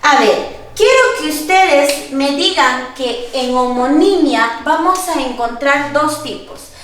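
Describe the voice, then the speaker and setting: A woman teaching a class with a high voice, speaking slowly and deliberately. She asks the class questions, answers them herself and repeats each key point. The sound comes from far off in a strongly echoing room. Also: a bit bright, slight background noise. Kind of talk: classroom grammar lesson. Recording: very echoey room, voice far from the mic.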